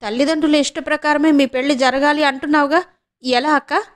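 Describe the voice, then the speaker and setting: A woman's voice: high-pitched, fairly even intonation, fairly quick, pitched above the performer's own voice, lightly acted. A woman voicing a distraught young woman, a heartbroken younger sister who pleads tearfully and stammers. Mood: pleading.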